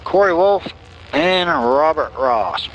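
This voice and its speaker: A man calling live races outdoors like a tractor pull announcer, with folksy, drawn-out calls and plain updates. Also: a little high, huge pitch swings, gravelly, dull audio. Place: outdoors beside a boat race course. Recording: noisy outdoor recording with loud engines.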